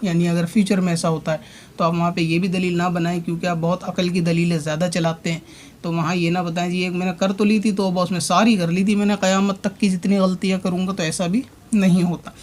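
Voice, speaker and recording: A man with a high-set voice that stays level and barely rises or falls. He talks through a long rebuttal as a religious commentator, speaking straight at his opponent. He keeps circling back to the same points. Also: flat delivery, darkish tone. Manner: argumentative, addresses his opponent directly; explains at length with repeated points. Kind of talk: spoken rebuttal monologue.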